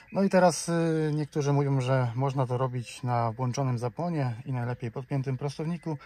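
Inside a car, a man with a Polish accent walks through a step-by-step DIY tutorial for his car channel, speaking casually and a bit hesitantly. His voice is medium in pitch with a darkish tone. Car ambience is clearly audible in the background.

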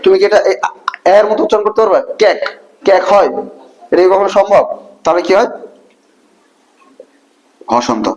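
A Bangladeshi man teaches a lesson in a fairly high voice. He drills the class, firing short questions and answering them himself over and over. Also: expressive, fairly quick, pauses often, a little mellow, muffled recording. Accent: Bangladeshi Bengali.

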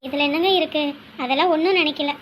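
A woman's voice: sits high, fast talker, noisy background. A middle-aged woman acting a soothing, motherly part in an amateur family drama. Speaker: actress playing a mother.

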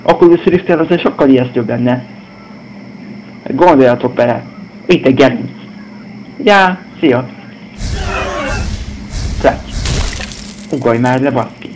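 A slightly hoarse young man commentating a horror game, cursing and yelping at scares. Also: medium pitch, long pauses, a little mellow, a little hiss or hum, poor audio. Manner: swearing, jumpy outbursts. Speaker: gameplay video host.

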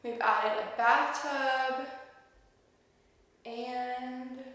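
A woman's voice: high-pitched, steady tone, drawn-out words, bright, forceful tone. Woman, 20s, chatty vlogger touring bare rooms; strong room echo. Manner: upbeat and chatty. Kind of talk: casual home-renovation vlog. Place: empty rooms in a house under renovation. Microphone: handheld camera. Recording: echoey bare rooms, faint noise.

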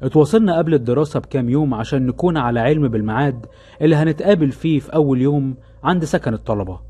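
A man's voice: on the high side, warm tone. A man with an Egyptian accent narrating scripted first-person horror stories in a suspenseful storytelling manner. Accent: Egyptian Arabic. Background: music under the voice.

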